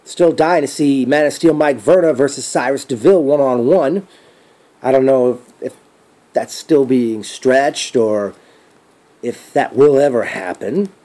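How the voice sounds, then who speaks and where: A man giving a casual spoken event recap as a fan, rambling and thinking aloud with trailing pauses. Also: medium pitch, mellow.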